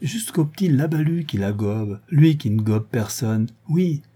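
Excitable little boy for an audiobook, read by a man, eager and quick, husky warm timbre. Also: on the high side, pitched above the performer's own voice. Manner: eager, animated chatter.

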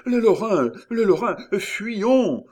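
A panicky townsman who keeps crying out in shrill alarm, voiced by a male reader. His voice leaps far above the reader's own and comes out loud and strained. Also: big pitch swings, takes it slowly, heavily acted. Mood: panicked. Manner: shrill, exclaiming. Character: panicky, excitable male townsman, a fearful gossip.

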